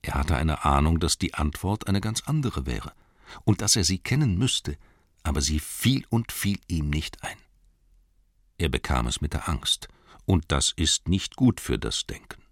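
A man narrating an audiobook in a measured storytelling manner. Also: very deep voice, very animated, no echo, clean studio sound.

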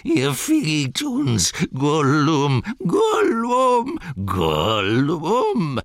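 A male narrator voicing a wretched, greedy cave creature who shrieks, hisses and wails in a slow, drawn-out way. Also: on the high side, wildly swooping pitch, no echo, studio quality, voice pushed up, heavily acted. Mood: wailing, frantic.

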